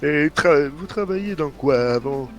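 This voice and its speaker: A man playing a lawman in a western roleplay, chatting in a slow, drawn-out way. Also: a little high, animated, music in the background.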